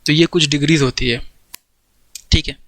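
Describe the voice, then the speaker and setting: A man's voice: on the high side, fairly even intonation, normal speed, a bit bright, no room sound, rough recording. A man teaching a grammar lesson in with examples, explaining step by step and checking often that students follow. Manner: explains step by step, keeps checking understanding with "theek hai". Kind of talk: classroom grammar lecture.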